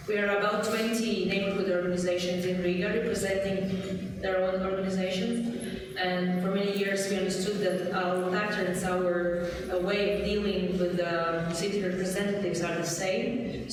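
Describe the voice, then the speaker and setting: A panelist, speaking in halting phrases and searching for words. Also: medium pitch. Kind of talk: panel discussion remarks. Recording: echoey hall, distant mic, background noise.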